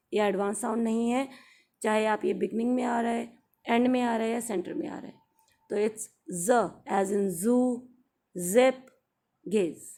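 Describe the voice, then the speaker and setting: A young woman with an Indian accent, a Hindi speaker teaching English phonics to beginners, drawing out each example word slowly and mixing English phrases into her Hindi explanation. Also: fairly high pitch, a little mellow. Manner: slow, carefully drawn-out example words.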